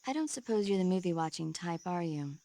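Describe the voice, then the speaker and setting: An actress playing a friendly, chatty support medic who explains things eagerly in a video game. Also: female voice, lowish voice, expressive, fairly quick, warm tone. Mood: cheerful, encouraging. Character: friendly, eager female radio support medic, movie buff.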